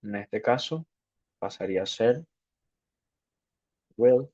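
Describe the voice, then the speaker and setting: Male teacher, unhurried lesson delivery, muffled low-fi audio. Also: lively intonation, darkish tone. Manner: slow, repeats "ok" to check understanding. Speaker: English teacher. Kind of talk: spoken grammar lesson. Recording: dull lo-fi sound.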